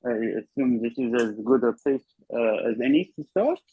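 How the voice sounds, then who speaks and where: A man's voice: medium pitch, animated, moderate pace, a little hiss or hum. A man playing a tabletop role-play game, speaking hesitantly with many fillers. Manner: hesitant, full of ums and uhs. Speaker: player. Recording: dull lo-fi mic.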